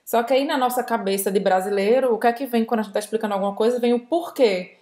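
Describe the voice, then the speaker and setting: A woman with a Brazilian accent co-hosting a conversational French lesson, explaining grammar and slowly demonstrating pronunciation. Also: on the high side, dark tone. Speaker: French teacher, co-host.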